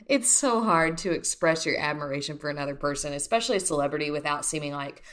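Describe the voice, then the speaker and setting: Lively intonation and a quick pace mark this woman's low, slightly bright voice. In her mid twenties, she co-hosts a podcast, rambling through casual chat with plenty of enthusiasm.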